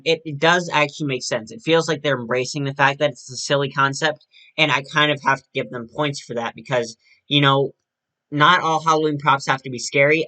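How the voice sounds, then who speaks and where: A man's voice: mid-range voice, bright, forceful tone, poor audio. A man giving a casual, chatty video review, often restarting and correcting himself mid-sentence. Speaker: toy and prop reviewer.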